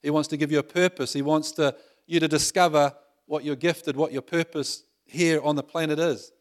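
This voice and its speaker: A man's voice: on the high side, steady tone, normal speed. A middle-aged male pastor giving a conversational sermon, full of rhetorical tag questions and self-deprecating humor.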